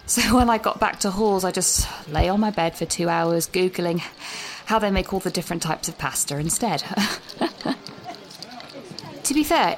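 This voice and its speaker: A woman's voice: medium pitch, a little hiss or hum, natural voice, low-quality recording. A woman playing a breathless British student. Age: young adult. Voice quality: rambling, self-interrupting, nervous. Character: anxious chatty young woman university student. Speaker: student leaving a voice message. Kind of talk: audio drama voice note. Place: outdoors, walking.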